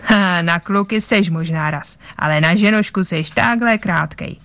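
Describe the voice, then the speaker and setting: A woman voicing rough, jeering male drinkers in a tavern for a read-aloud tale. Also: on the low side, a bit bright, no echo. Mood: gruff.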